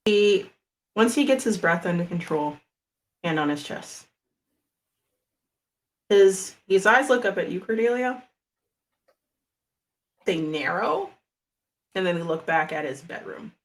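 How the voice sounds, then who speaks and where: A woman's voice: medium pitch, expressive, slow pace, pauses often, distant mic. A woman narrating a tabletop role-playing game as game master, chatty and often breaking into laughter.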